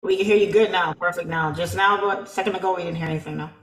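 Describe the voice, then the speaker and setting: A woman speaking as the featured trader on a video conference call, upbeat and quick to laugh, often repeating her phrases in casual webinar chat. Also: on the low side, fairly even intonation. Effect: heard over a video conference call. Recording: echoey room over a call line.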